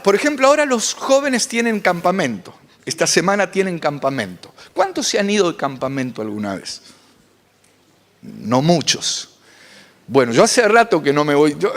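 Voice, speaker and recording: Pastor, man, high and lively sermon voice, long hall reverb. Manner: animated preaching with dramatic pitch swings.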